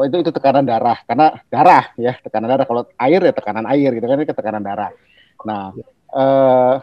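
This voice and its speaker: A man's voice: medium pitch, dry recording, dull audio. A middle-aged man, a medical specialist, explaining a health topic on a podcast with homely analogies and frequent hesitations. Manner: explanatory, uses everyday analogies and sound words; many hesitations and restarts. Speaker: guest doctor, internal medicine specialist.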